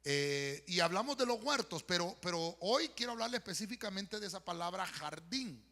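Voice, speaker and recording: High, bright-voiced Honduran pastor preaching. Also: male voice, lively intonation, moderate pace. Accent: Honduran Spanish. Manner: addresses congregation as "hermano", frequent "¿verdad?" and "eh" fillers. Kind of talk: sermon with spoken prayer. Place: church sanctuary. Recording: long church hall reverb.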